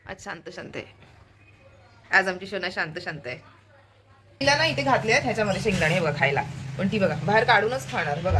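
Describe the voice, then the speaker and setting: A woman's voice: mid-range voice, background noise. A young woman chatting casually to her viewers at home as a family vlogger, laughing often and cooing at her pet bird. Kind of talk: casual chat to camera.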